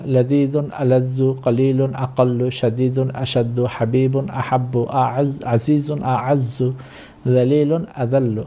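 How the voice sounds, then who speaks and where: A man teaching Arabic in a recorded lesson, slowly drilling and repeating words for learners to copy. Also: medium pitch, mellow. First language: Bengali.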